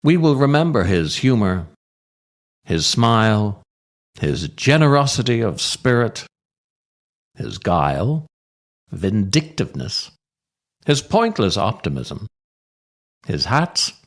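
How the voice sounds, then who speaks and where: A podcast host reads his own scripted comic writing, theatrical and wry, leaning on deliberate dramatic pauses. His fairly low voice moves through big pitch swings.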